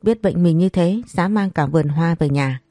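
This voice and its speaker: Woman reading an easygoing joking older brother, low, dark, dry. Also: normal speed, no room sound, natural voice. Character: relaxed, joking older brother, young man.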